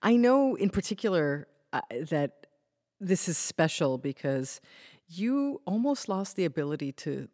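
A woman's voice: on the low side, big pitch swings, measured pace, warm tone. A woman hosting an interview, asking questions and praising her guest in an encouraging way. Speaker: interviewer host.

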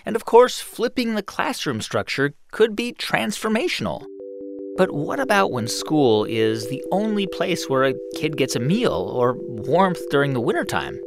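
A man's voice: a little high, creaky, no room sound. A man hosting a radio show, reading scripted narration that builds emphasis as a story unfolds. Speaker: radio host. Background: music.

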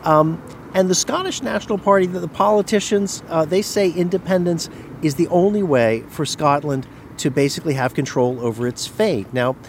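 A man working as a radio correspondent, explaining a story in a relaxed back-and-forth with small restarts. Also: on the high side, normal speed, a little hiss or hum. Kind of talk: reported news conversation.

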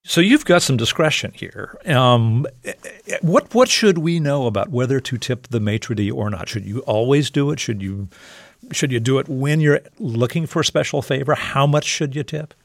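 A man's voice: medium pitch, lively intonation, moderate pace, creaky, no echo. A man interviewing a guest, asking curious follow-up questions.

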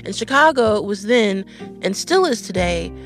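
A woman's voice: medium pitch, expressive, measured pace, vocal fry, soft background music. A woman hosting a podcast, narrating reported history in a conversational way. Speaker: podcast host.

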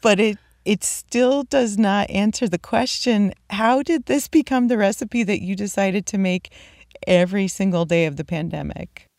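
A woman's voice: mid-range voice, normal speed, creaky, a little mellow, no room sound, studio quality. A woman hosting a podcast in casual chat, friendly and playful. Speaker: podcast host.

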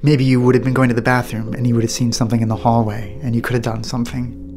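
A man, a newspaper photographer, speaking haltingly and emotionally in an interview, searching for words. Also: mid-range voice, little pitch movement, over music. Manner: halting, searching, with fillers and restarts.

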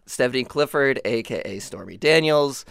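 A man's voice: mid-range voice, expressive, normal speed, vocal fry, a bit bright, clear, resonant tone, dry recording. A man, a reporter, explaining news in a conversational way as a studio guest. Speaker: reporter and producer, show guest.

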